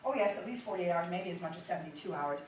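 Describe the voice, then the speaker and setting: A woman voicing a blunt, matter-of-fact male doctor, delivering his replies flatly and plainly. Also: on the low side, quick pace, a little hiss or hum, natural voice. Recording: echoey hall heard from far off.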